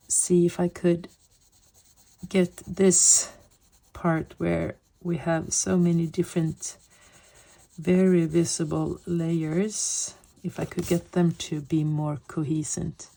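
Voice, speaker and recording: This Swedish woman in her late fifties colors while chatting in English, a second language for her, sometimes stopping to find words. She has a lowish, gravelly voice with a warm tone.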